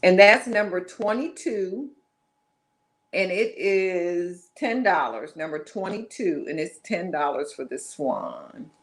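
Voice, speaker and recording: A woman's voice: lowish voice, lively intonation, slow pace. Woman rambling about items for sale, voice bounces up and down a lot, corrects herself. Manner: chatty, meandering, self-correcting. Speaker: online live sale host. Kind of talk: casual live-stream selling chat.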